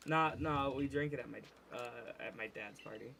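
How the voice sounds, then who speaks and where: A young man with a mid-range voice chats eagerly, laughing easily as he explains things. Clear background noise runs under his voice on the stream. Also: medium pitch, normal speed, fairly bright tone. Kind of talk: casual chat.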